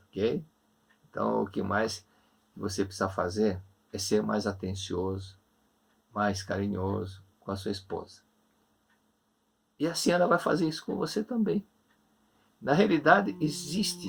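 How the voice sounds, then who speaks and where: A Brazilian man leading an online religious class, answering questions with gentle, repetitive, reassuring advice. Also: fairly low pitch, vocal fry, husky. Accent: Brazilian Portuguese. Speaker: religious lecturer.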